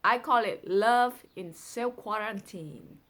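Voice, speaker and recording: Here a presenter reads a translated poem in a relaxed way, adding playful little chatty comments along the way. She is a native Vietnamese speaker with a Vietnamese accent, and her mid-range, fairly bright voice moves slowly.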